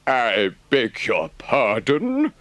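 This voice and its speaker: A man voicing a good-natured, worldly river rat in an audiobook, with a deliberate, emphatic gentlemanly drawl. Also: mid-range voice, huge pitch swings, no room sound, pitched above the performer's own voice, full character voice. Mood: suspicious. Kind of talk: audiobook character voice.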